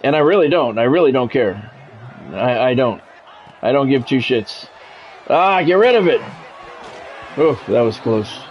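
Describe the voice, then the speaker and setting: In dull audio with slight background noise, an animated man of medium pitch live streams a football video game. His blunt, casual chatter mixes with play-by-play, and he halts often, repeating words and phrases.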